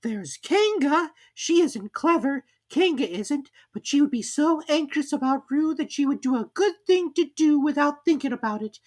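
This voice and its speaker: Woman voicing Piglet, a squeaky, anxious little piglet. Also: animated, normal speed, hardly any pauses, darkish tone. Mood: musing. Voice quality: squeaky, thin small voice. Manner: fretful, earnest, childlike. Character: very small, anxious male piglet, timid and wistful.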